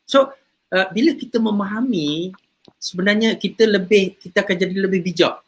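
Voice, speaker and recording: A man's voice: high voice, moderate pace, breathy edge. A man, a religious teacher, talking casually about faith and character, telling stories and repeating words as he goes. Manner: chatty storyteller, repeats words.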